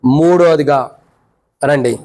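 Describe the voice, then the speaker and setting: A man preaching a sermon as a pastor, firing rhetorical questions at the congregation and swinging from raised pleading to low quiet asides. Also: slow, rough recording.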